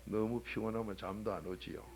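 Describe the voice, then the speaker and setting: A man preaching a sermon as a pastor, talking in a colloquial way and firing off rhetorical questions. He swings between loud exhortation and low, quiet asides. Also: steady tone, brisk. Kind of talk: early-morning sermon. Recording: 1997 church sermon recording.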